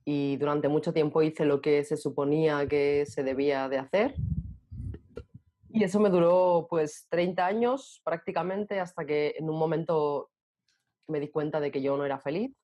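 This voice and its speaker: Woman, 40s, deep for a woman, thoughtful interview guest. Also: lo-fi sound. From Barcelona, Spain. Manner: thoughtful, searching for words with many pauses and restarts. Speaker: guest author. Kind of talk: reflective interview answers.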